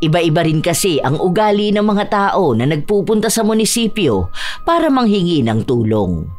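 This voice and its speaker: Brief: female narrator for true-horror stories, expressive pitch, measured delivery. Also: faint music behind. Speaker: storyteller. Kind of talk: scripted narration of a horror story.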